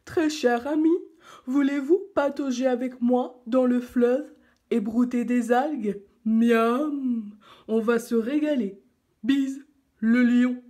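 Woman doing a slow cheerful hippo. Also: fairly high pitch, mellow, pitched above the performer's own voice.

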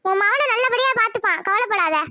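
A woman's voice: very high-pitched, a little fast, bright, forceful tone, slight background noise. A woman playing a soothing cartoon younger sister. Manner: soothing, reassuring. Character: comforting younger sister of the mother.

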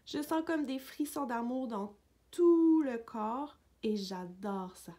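Slow, gentle woman reading a storybook. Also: on the high side, animated. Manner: gentle, unhurried storytelling for young children. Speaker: children's book reader. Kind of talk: read-aloud storybook narration.

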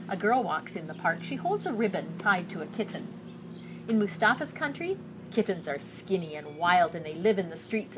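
An older woman with a lower but fairly bright voice reads a picture book for children expressively while sitting outdoors on a garden patio. She lingers carefully over descriptive phrases, and background noise from the outdoor setting can be heard.

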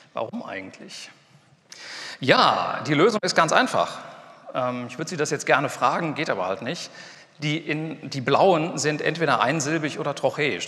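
A middle-aged man lectures at a university in a loose, conversational way, full of fillers and quick asides. His voice sits at an ordinary middle pitch. It carries a long reverb from the lecture hall around him. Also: fairly bright tone. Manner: casual, chatty lecturing with many fillers and asides.

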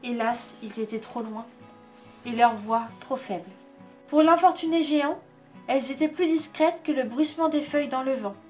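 A woman reads a storybook aloud, expressive and measured. Her voice is high, with soft music playing faintly behind her. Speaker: reader.

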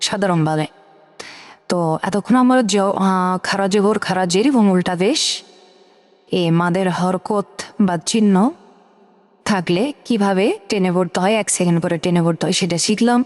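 A woman's voice: mid-range voice, a little mellow, big-room sound. A woman teaching Quran reading, who patiently drills letter pronunciations one by one and repeats key points. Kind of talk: step-by-step recitation lesson.

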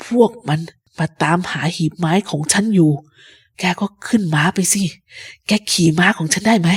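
A husky, feeble old pirate captain in a read-aloud storybook, talking low and slow like every word costs him effort, voiced by a woman. He is gruff, fearful of his old crew, and hungry for a drink. Voice sits low and strained. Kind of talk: storybook reading.

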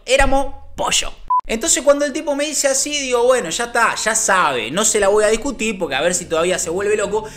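A young man with a Rioplatense Argentine accent telling a comic anecdote, acting out voices and swinging from loud to hushed. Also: very high-pitched. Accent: Rioplatense Spanish. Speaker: storyteller.

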